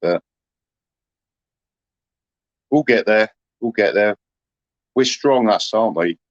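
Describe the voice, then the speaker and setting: Aggrieved man, low rambling voice. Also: takes it slowly, no echo, dull audio. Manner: rambling and aggrieved, full of "you know". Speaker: livestreamer talking to viewers. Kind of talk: casual livestream chat.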